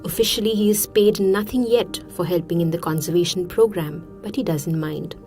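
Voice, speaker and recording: A woman's voice: lowish voice, normal speed, a little mellow, faint music behind. A woman reading scripted narration for a nature documentary, as its narrator.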